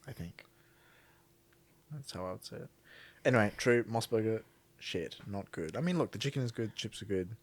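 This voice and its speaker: A quick-talking young man with a lowish voice, chatting on a podcast and reacting to clips. He swears freely and hands out blunt verdicts in a loose, casual way. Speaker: podcast co-host. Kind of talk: casual chat, reacting to videos.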